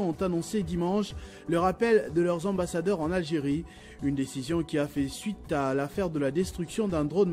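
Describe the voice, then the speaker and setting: A man's voice: a little high, warm tone. Congolese man reading the news. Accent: Congolese French. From Democratic Republic of the Congo. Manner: measured formal delivery. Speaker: news anchor.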